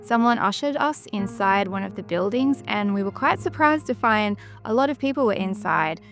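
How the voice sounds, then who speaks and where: A woman giving scripted travel narration in a measured, descriptive storytelling manner. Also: mid-range voice, expressive, a bit bright, faint music behind. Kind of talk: scripted documentary-style narration.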